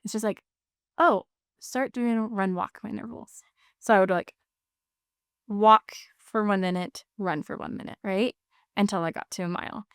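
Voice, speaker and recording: A woman's voice: mid-range voice, steady tone, moderate pace, fairly bright tone, smooth, no echo, clean studio sound. A woman in her thirties, a podcast guest chatting casually and emotionally, filling her talk with "like". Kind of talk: casual interview chat.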